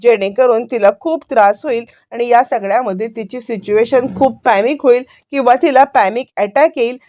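A woman's voice: on the high side, darkish tone, no echo. A woman casually retelling a TV serial's episode in a chatty, repetitive way, acting out the characters. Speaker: serial recap narrator. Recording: dry, slightly dull sound.

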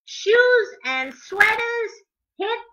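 In a very high-pitched, bright and forceful voice, a middle-aged woman reads aloud and chats during a preschool storytime in her living room. She is very animated and very slow, with an emphatic sing-song delivery. The webcam or laptop at arm's length gives dull audio and an echoey room.

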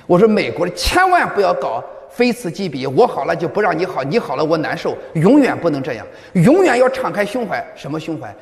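A man's voice: a little high, sing-song, brisk, few pauses. A man giving a public lecture to an audience, speaking emphatically and firing rhetorical questions at them. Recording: long hall reverb.

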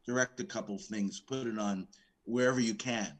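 A man's voice: lowish voice, fairly even intonation, normal speed. A man, a film producer, giving earnest, somewhat rambling advice in an interview.

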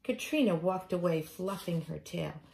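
Indoors at home, a middle-aged woman gives a measured, expressive storytelling reading of a picture book meant for small children. Her voice is on the low side and creaky.

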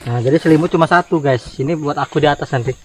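A man's voice: on the high side, quick pace, slight background noise. A man in his thirties chatting casually to viewers while camping by a river in a forest. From Indonesia. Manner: chatty, addresses viewers as guys. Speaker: vlogger. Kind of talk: casual outdoor vlog talk. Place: forest camp by a river, outdoors.

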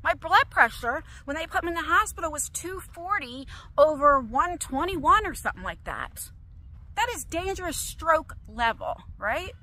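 Pacing as she talks, a middle-aged vlogger rambles emotionally through a confessional video and keeps restarting her sentences. She sounds animated at a normal speed, her high voice bright with a sharp edge.

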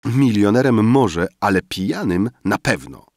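A man's voice: on the low side, animated, measured pace, darkish tone, dry recording, studio quality. An actor playing a mocking young poet who teases his drunken friend in an audiobook reading. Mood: admonishing. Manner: teasing, sardonic.

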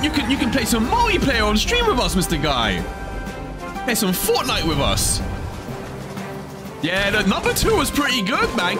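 A man in his thirties, an excitable live streamer giving chatty, casual reaction commentary. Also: high-pitched. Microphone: close microphone on boom or stand. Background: game trailer music.

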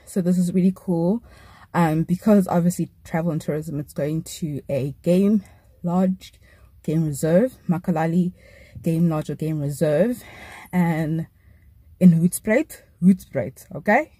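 A young woman in her twenties, a travel journalist talking casually and excitedly to her vlog audience in loose, rambling sentences. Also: lowish voice, a little slow, slightly rough, no echo. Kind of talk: casual vlog talk to camera.

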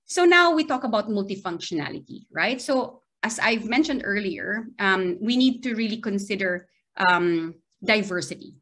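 Speaking from the Philippines in a small video-call window, a middle-aged university lecturer with a Filipino accent delivers an online academic seminar. Her medium-pitched, slightly bright voice is animated, at a normal speed with few pauses, yet hesitant, with frequent "right?" tags.

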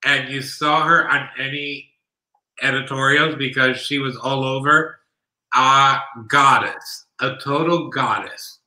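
A man's voice: medium pitch, steady tone, takes it slowly, bright, forceful tone. A man guest in a casual chat, gushing and enthusiastic, on a video call. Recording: echoey room.

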